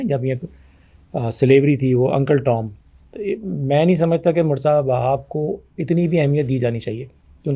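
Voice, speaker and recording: Mellow-voiced man arguing his case. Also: fairly high pitch. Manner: forceful, argumentative, acts out both sides of past conversations. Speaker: guest. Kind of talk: conversational interview.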